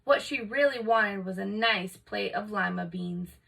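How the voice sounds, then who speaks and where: A woman reading a children's picture book aloud in an expressive, dramatic storytelling manner. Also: mid-range voice, unhurried, creaky, slightly rough, recorded from a distance. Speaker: storybook reader.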